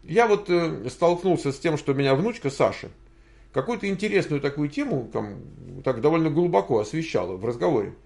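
Older guy w gravelly voice doing a chill viewer q&a from home, rambly, lots of pauses. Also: on the high side, lively intonation, a little mellow. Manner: rambling, thinking aloud with many hesitations. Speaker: host answering viewer questions. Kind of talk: casual livestream Q&A.

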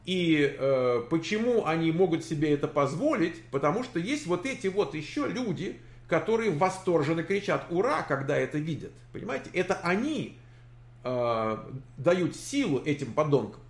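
A man giving casual political commentary on a live stream, halting, with many fillers and restarts. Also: on the high side, big pitch swings, roomy sound. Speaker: political commentator reading viewer chat.

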